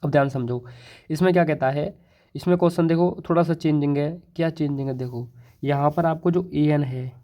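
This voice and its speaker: A male math teacher with a North Indian accent explains a proof to his students, chatty and repetitive, with frequent fillers. His voice sits a little high for a man. The recording sounds dull and lo-fi. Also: fairly even intonation, a little fast. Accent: Hindi-English code-mixing, North Indian. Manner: chatty, repeats "thoda sa" and "theek hai", many fillers and restarts. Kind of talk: casual board lecture. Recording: dull, lo-fi mic.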